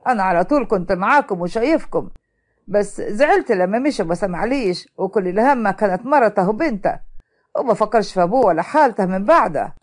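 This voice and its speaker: A heavy-hearted elderly grandfather from a storybook tale, voiced by a woman, talks slowly and low with an Egyptian accent. His lines sag with regret, yet the pitch still rises and falls in a lively way. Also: natural voice. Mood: sorrowful. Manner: slow, sorrowful, pleading.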